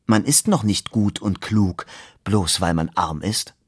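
A sardonic young man lays out his argument in a measured, reasoning way, his voice low and set close to a dry microphone, as a male reader takes on the part. The tone stays wry and calm, never shouting. It is a literary reading of a novel. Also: husky, dry recording. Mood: earnest.

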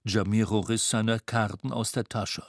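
A man narrating a storybook in a lively, expressive reading. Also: fairly low pitch, measured pace, vocal fry, no room sound, clean studio sound. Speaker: audiobook narrator.

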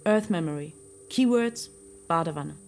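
A thoughtful narrator, gravelly edge. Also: female voice, lowish voice, expressive, measured pace, slight background noise. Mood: reflective. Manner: quiet, thoughtful, restrained. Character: reflective young woman Deirdre, narrator. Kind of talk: radio drama narration.

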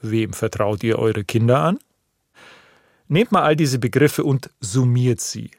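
A man narrates his podcast from a studio, and the sound is close and dry. He talks directly to the listeners in a relaxed, chatty tone. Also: mid-range voice, measured pace, no room sound. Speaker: podcast host. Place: recording studio.

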